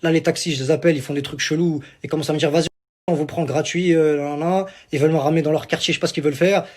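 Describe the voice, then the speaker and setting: Talking very fast with fairly even intonation, a young Algerian social media personality rants boastfully in a phone-recorded vlog. He keeps repeating himself and swearing on the Quran, his voice a little high.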